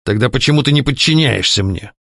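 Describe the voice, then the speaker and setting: A man's voice: mid-range voice, lively intonation, fast talker, vocal fry, fairly bright tone, dry recording, clean studio sound. A man voicing a masked male conspirator leader who speaks coldly and curtly, with menace. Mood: threatening. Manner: cold, curt, irritable.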